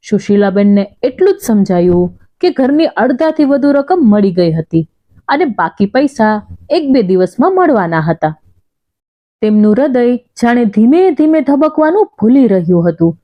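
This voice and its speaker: Woman narrating a sad story, very expressive, lots of up and down pitch, dull lo-fi sound.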